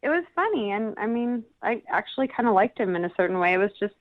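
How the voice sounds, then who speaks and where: A woman on a phone call with a radio show, talking in a hesitant, halting way. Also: mid-range voice, very animated, a little hiss or hum. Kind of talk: phone conversation. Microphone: phone line. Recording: tinny phone line.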